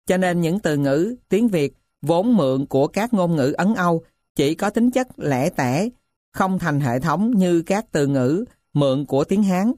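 A woman reading a linguistics textbook aloud in a slow, even, measured way. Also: fairly low pitch, dry recording, clean studio sound.

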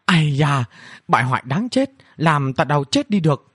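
A man's voice: on the high side, sing-song, moderate pace, fairly bright tone, husky, no echo, studio quality, heavily acted. A man voicing a bratty, mischievous young girl princess who taunts and whines in a cheeky way. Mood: whining. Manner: cheeky, whiny, provocative.

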